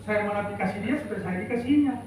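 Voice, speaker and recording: Emphatic pastor in an echoey church. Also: male voice, high voice, rapid-fire, background noise. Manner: emphatic, calls out to the congregation for replies. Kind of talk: sermon. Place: church sanctuary. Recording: echoey church hall, mic far off.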